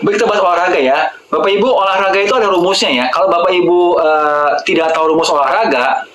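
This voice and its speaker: A man's voice: high-pitched, quick pace, fairly bright tone, reverberant, slight background noise, rough recording. A man hosting a live-stream health talk, lecturing his viewers directly and repeating key words for emphasis.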